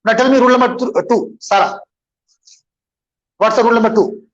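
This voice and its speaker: A man's voice: extremely high pitch, fairly even intonation, drawn-out words, a bit bright, dull audio. A man teaching an English grammar lesson, switching between English and Hindustani and answering his own questions as he goes. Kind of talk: bilingual classroom lesson.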